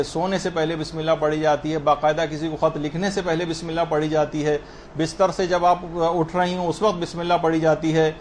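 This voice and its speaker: A man's voice: sits high, slight background noise. A man teaching a religious lesson in an earnest, explanatory way, demonstrating how words should be pronounced. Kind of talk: lecture on prayer to a female audience.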